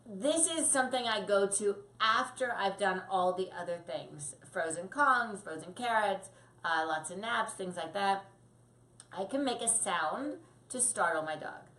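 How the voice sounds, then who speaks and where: A woman dog trainer giving casual tips to camera, lively and acting out quick voices for the puppy and the owner. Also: medium pitch, echoey room.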